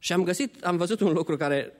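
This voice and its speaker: High-voiced preacher in echoing church. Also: male voice. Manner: impassioned preaching, swinging between hushed appeals and high pleading. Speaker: pastor. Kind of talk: Easter sermon. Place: church hall. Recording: long church hall reverb.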